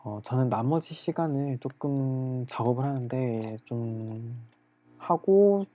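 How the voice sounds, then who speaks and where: A man hosting a livestream, talking casually to listeners in a monologue while he draws, often trailing off softly at the ends of phrases. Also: medium pitch, expressive, unhurried. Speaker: livestream host.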